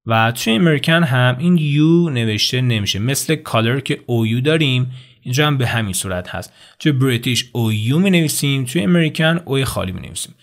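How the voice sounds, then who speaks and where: A man giving a video English lesson in Persian, explaining phrases and saying English examples slowly and clearly. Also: medium pitch. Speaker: English teacher.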